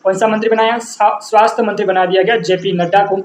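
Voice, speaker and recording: High-voiced man teaching in an echoey room. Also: steady tone, fast. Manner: asks and answers his own questions, repeating. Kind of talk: exam-prep lesson with memory tricks. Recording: roomy echo, faint background noise.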